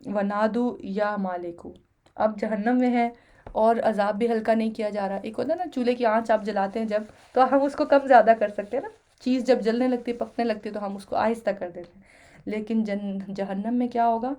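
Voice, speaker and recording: A woman giving a Quran lesson, reciting Arabic slowly and then explaining each phrase in Urdu with everyday examples. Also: a little high, steady tone, dark tone. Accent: Pakistani Urdu. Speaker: Quran teacher. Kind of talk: word-by-word Quran translation lesson.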